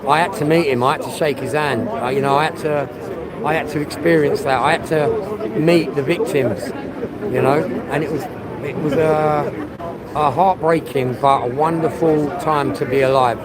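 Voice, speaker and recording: Guy livestreaming on a phone out on a busy street, bit high voice, chatty and sweary, loud crowd all around. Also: fairly even intonation, moderate pace. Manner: chatty, swears often, greets viewers by name. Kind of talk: casual live-stream chat. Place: outdoors on a busy city street.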